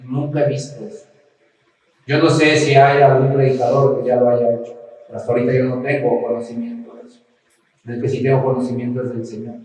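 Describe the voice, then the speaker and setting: A man's voice: medium pitch, level tone, brisk. A man from Mexico preaching a sermon as pastor, delivering it with impassioned emphasis. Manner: impassioned preaching, rising to shouts in quoted cries. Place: church hall. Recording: echoey church hall, mic at a distance.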